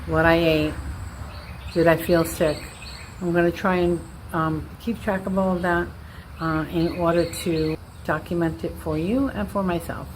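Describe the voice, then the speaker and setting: Woman, sixties, self-deprecating vlogger, lower voice, audible background noise. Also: fairly even intonation, unhurried, low-quality recording. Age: 60s. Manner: candid, rambling, self-deprecating. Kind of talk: casual personal vlog.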